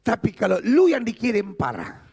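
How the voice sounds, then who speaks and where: A man's voice: sits high, wildly swooping pitch, normal speed, gravelly, darkish tone, husky. A middle-aged male pastor preaching a sermon, joking with the congregation and calling for responses.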